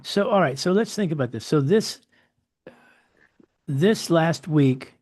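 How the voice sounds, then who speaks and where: A man's voice: a little high, lively intonation, takes it slowly, a little mellow, no echo, clean studio sound. A man hosting a podcast interview, asking his guest questions in an inquisitive manner. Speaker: host.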